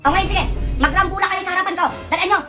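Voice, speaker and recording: A woman plays a nagging, exasperated mother in a comedy skit, scolding loudly. The voice is high and fast, with music clearly under it. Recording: background music.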